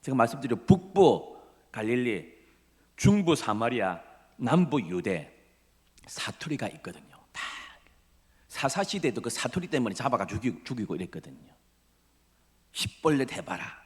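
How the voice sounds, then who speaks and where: In a church sanctuary ringing with long hall reverb, a middle-aged pastor from Busan, South Korea preaches dramatically in a mid-range, very animated voice at a moderate pace. His Gyeongsang (Busan) Korean accent carries loud emphasis, sudden breathy whispers and acted-out quoted voices.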